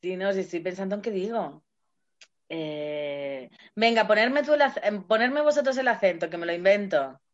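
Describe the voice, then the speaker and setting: A woman's voice: medium pitch, expressive, moderate pace. A woman who is a guest on a casual game show, giggly and self-deprecating. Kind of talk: casual chat. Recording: dull lo-fi sound.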